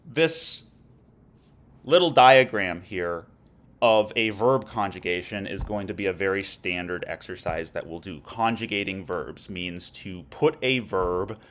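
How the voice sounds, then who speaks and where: Lower-voiced man teaching a lecture. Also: measured pace, fairly bright tone. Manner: explanatory, frequent "okay?" check-ins. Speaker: Latin teacher. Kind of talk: recorded lecture.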